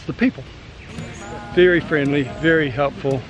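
A man's voice: on the high side, normal speed, background noise. Upbeat New Zealand man vlogging. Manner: chatty, upbeat, teasing. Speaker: sailing vlogger. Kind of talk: casual vlog narration. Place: outdoors on a tropical island. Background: music.

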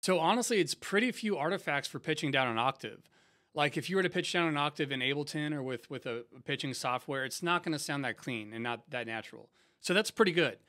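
A young man from San Diego, a music producer hosting a casual software tutorial in a laid-back, slangy, conversational way. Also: on the high side, lively intonation, fast talker. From San Diego, USA.

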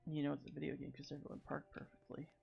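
A man giving relaxed, wry commentary while playing a video game on stream, recorded on a dull lo-fi mic. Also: on the high side, fast talker, vocal fry, breathy edge. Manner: relaxed, wry asides while reading menus. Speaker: let's play streamer. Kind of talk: casual gameplay commentary.

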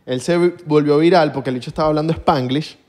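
A man co-hosting a podcast, relaxed and slangy in casual banter. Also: fairly high pitch, fast talker. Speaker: podcast co-host.

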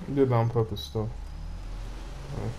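A man ranting and cursing at a game while he plays it, talking through his frustration in real time. His voice sits in an ordinary middle pitch with a dark, mellow tone, and there is a faint hiss of noise underneath. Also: steady tone, slow, gravelly. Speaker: gamer playing on stream. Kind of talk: live gameplay commentary.

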